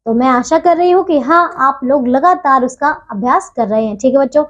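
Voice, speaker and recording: Woman teacher for a children's grammar lesson; high, patient voice that keeps checking in with the class; recording a bit dull. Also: animated. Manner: patient, keeps asking "theek hai bachchon?"; leaves deliberate pauses between phrases.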